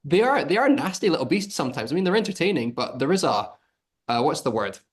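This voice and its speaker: A man hosting a casual interview over a video call, chatty and animated as he tells stories and asks questions. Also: on the high side, husky. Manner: quick, chatty, animated storytelling. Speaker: podcast host.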